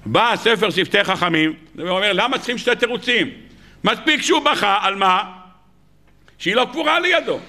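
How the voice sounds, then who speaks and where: A man, a rabbi, giving a lively sermon to a live audience, firing off rhetorical questions with mock disbelief and humorous asides. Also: sits high. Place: lecture hall with live audience.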